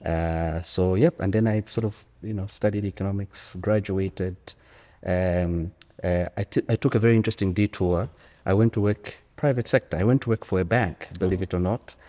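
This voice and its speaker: An economics academic from Zambia, in his early forties, answers as an interview guest in a deep, dark voice at normal speed. His storytelling replies are reflective and emphatic, with phrases often repeated, and the echoey hall adds long reverb.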